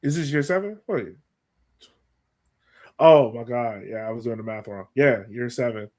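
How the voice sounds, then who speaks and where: An American podcast host talks soccer casually, sounding like an animated fan who keeps exclaiming. His voice is mid-range and his pace normal.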